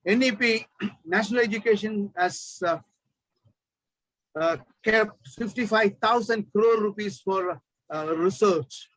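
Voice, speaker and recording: A man's voice: sits high, takes it slowly, fairly bright tone, no echo, low-quality recording. A man from Kerala, a professor, speaking passionately at a press conference, firing off rhetorical questions and restarting his sentences often. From Kerala, India.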